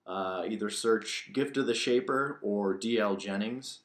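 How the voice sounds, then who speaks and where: A man whose voice sits on the low side reads from the novel he wrote, a little slowly, pausing for casual comments. The recording sounds roomy, with noticeable echo.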